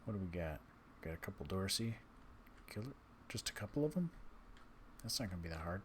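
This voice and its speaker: Deep-ish guy doing a casual lets play, mumbles to himself, reads stuff out, game sounds behind. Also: expressive, a little fast. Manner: muttering, thinking aloud. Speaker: gamer commentating a playthrough. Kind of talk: casual gameplay commentary, reading text aloud. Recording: voice over noisy game audio. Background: game sound and ambience.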